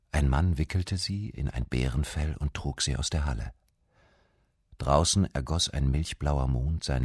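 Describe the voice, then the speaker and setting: A man doing a literary voice-over reading, calm and measured. His voice is extremely deep and husky, close and dry with no room around it. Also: dry recording. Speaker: voice-over translator.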